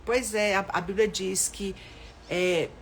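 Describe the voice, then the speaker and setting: A woman with a Brazilian Portuguese accent preaching in a live-streamed sermon, fervent, rising into loud pleading prayer and reading viewers' comments aloud. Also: mid-range voice, fairly even intonation, slow, a little hiss or hum.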